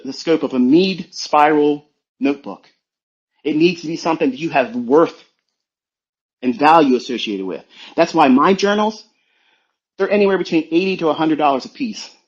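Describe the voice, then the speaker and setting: Blunt, preachy man on a muffled stream. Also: on the high side. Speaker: trading coach. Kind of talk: motivational talk on a live audio space.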